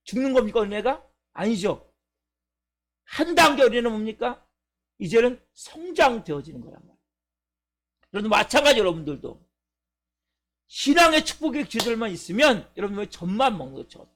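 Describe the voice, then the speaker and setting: Pastor guy w a really high voice, fiery sermon, keeps asking the crowd stuff then answering. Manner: emphatic, asks the congregation questions and answers them; acts out a crying baby's complaints. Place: church service.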